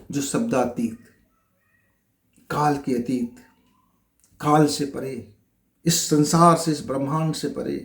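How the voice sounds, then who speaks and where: A man's voice: fairly high pitch, reverberant. Middle-aged man giving a spiritual talk. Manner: addresses listeners as friends, lists in long rhetorical runs. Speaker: spiritual teacher.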